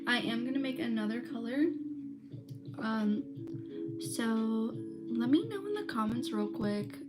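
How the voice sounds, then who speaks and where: A young woman talks unhurriedly in a slightly high voice, chatty and relaxed, with "like" and "um" in nearly every phrase. Loud music plays underneath everything she says. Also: a little slow. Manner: chatty and relaxed, with many "like" and "um" fillers. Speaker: crochet vlogger. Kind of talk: casual chat, reading live comments.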